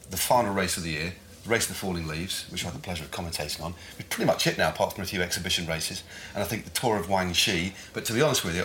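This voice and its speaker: A man's voice: low voice, fairly bright tone, slight background noise. An English man hosting a casual chat show in a jokey, rambling manner. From England. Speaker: host, cycling commentator.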